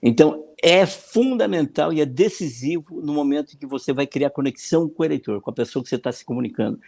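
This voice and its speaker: A man with a Brazilian Portuguese accent, a consultant answering questions in a podcast interview. He explains in an animated way, often repeating words and acting out the voices of the people he quotes. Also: on the high side, quick pace, creaky. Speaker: political consultant and speaking coach.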